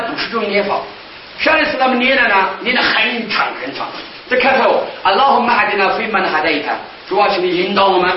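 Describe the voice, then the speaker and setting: A man's voice: sits high, a little hiss or hum. A man teaching as an imam, asking the listeners rhetorical questions and chanting Arabic prayer phrases. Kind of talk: religious teaching talk. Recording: roomy, distant, dull lo-fi recording.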